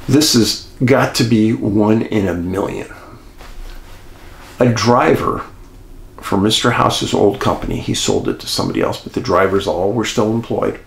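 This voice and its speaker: A man hosting and telling a true-crime mystery story in an animated way, speaking straight to his listeners. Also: lowish voice, normal speed, creaky, echoey room. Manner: animated, addresses listeners as folks. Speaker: host and storyteller.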